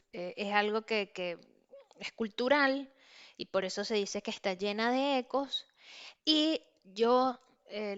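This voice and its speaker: A woman lectures in a smooth, clear voice that sits a little high. She explains ideas step by step, pausing on fillers and checking that her listeners are following. The sound is slightly muffled and lo-fi. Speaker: teacher. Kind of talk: online lecture.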